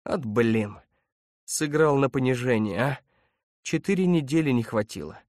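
A man's voice: medium pitch, animated, a little slow, dry recording, studio quality, natural voice. A man doing a whining, bitter marine. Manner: whining, loud, resentful. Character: whiny bitter male marine, complaining.

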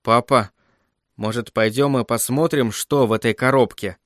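A man's voice: medium pitch, steady tone, moderate pace, a bit bright, no room sound, studio quality, close to an everyday voice. A man voicing a frightened young man of twenty who speaks timidly and falters.

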